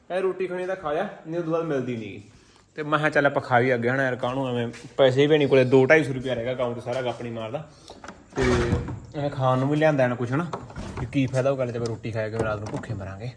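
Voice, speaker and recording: A man with a Punjabi accent chatting casually as a pigeon-keeping vlogger, often coaxing his birds with repeated calls and endearments. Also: mid-range voice. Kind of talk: casual vlog chat. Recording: noisy handheld recording with ambient sounds.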